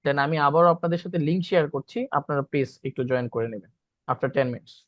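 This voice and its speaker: A teacher leads an online beginner class, slowly repeating each practice syllable and often slipping English words into the explanation. The call audio sounds dry and muffled, with no room echo. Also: mid-range voice. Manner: repeats drilled syllables, code-mixes English. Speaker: Chinese language teacher. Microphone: video call.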